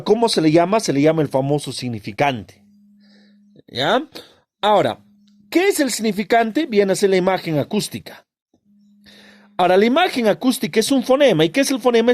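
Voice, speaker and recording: A male teacher with a high, very animated voice leads an exam-prep lesson, posing questions and answering them himself. He stresses each key term as he goes. The sound is dry and close, with no room echo.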